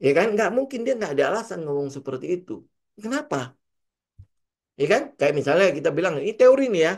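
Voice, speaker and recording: Animated guy with a jakarta slang accent teaching trading, voice sits kinda high and jumps all over. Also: fast talker. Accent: Indonesian, Jakarta slang. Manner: animated, asks rhetorical questions and acts out traders' voices. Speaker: trading coach. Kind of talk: casual trading lesson.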